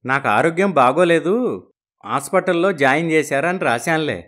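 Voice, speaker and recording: A man voicing fatherly characters in a storybook tale, gentle and reassuring. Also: fairly high pitch, expressive, normal speed. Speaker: voices male characters.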